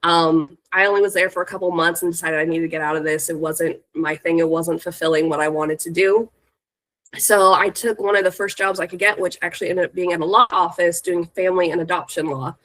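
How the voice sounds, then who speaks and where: A woman from Northern California in her thirties, working in the music industry, gives a casual guest talk about herself with a cold-stuffed, congested voice. She speaks a little fast with fairly even intonation, her voice on the low side and fairly bright, and the audio is poor.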